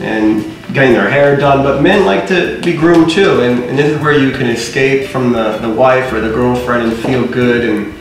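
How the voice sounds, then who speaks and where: A man's voice: mid-range voice, moderate pace, few pauses, faint music behind. A man in his thirties, a TV host, chatting casually and boastfully on camera in a large barber shop. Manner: boastful, playful showman. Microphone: far camera mic. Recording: echoey room, far from mic.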